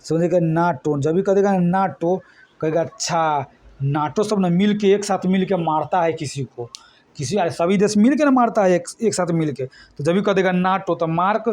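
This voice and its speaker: A man, teaching an exam coaching lesson. He talks loosely and repeats himself, firing quick questions at his students and answering them himself. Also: high voice, darkish tone. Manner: colloquial, repetitive, quizzing the students. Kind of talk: mnemonic lesson for exam prep.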